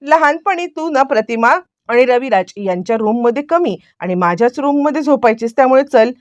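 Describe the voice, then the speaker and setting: A woman's voice: a little high, animated, brisk, no echo, highs cut off, lightly acted. A woman reading the lines of a stubborn, commanding elderly grandmother in her retelling. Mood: insistent. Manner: insistent, commanding.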